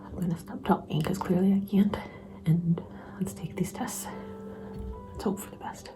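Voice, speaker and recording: A woman's voice: lowish voice, fairly even intonation, normal speed. A young adult woman whispering a personal vlog, tearful and nervous. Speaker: vlogger filming a pregnancy test. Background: guitar music.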